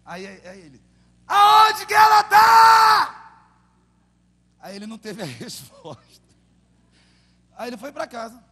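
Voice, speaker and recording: A man's voice: high voice, very animated, normal speed, long pauses, breathy edge. A man with a Brazilian Portuguese accent preaching a sermon as pastor, telling stories with fervent, dramatic delivery. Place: large church hall. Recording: echoey church hall with faint hum.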